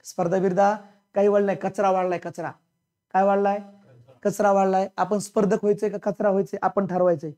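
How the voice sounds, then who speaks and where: A man's voice: sits high, level tone, a little fast, mellow. A male teacher stands before his class and runs a call-and-response grammar drill. He repeats each question to the room until the students answer it. His speech is colloquial and blunt, with the occasional scolding edge of a strict coaching-class instructor.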